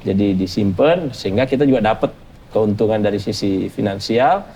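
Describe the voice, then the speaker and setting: A man speaking earnestly as a panel guest, measured and full of hesitant fillers and restarts. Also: fairly low pitch, mellow, slight background noise. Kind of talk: panel discussion.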